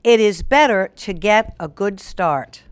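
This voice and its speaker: A woman's voice: mid-range voice, lively intonation, unhurried, clear, resonant tone, no room sound, natural voice. A woman voicing a clever female tortoise in a storybook reading, plain and confident. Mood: challenging. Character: clever calm female tortoise, quietly daring.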